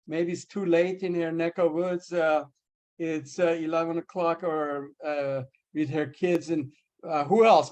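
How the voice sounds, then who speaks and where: A man hosting an online round table, rambling enthusiastically with many fillers. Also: high-pitched. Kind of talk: casual video-call chat.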